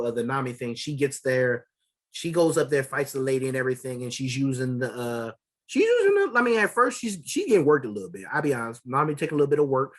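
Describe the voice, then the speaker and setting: Male co-host, mid-range voice, casual rambling anime recap with slang and fillers. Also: mid-range voice. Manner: rambling, loose slang, many fillers, animated retellings. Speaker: podcast co-host. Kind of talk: casual anime review chat.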